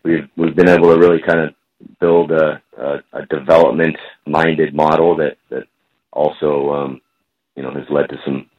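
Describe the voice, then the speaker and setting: A man being interviewed as a guest coach, heard over a phone line and building his answers slowly with many pauses. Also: extremely low pitch, flat delivery. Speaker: guest strength and conditioning coach.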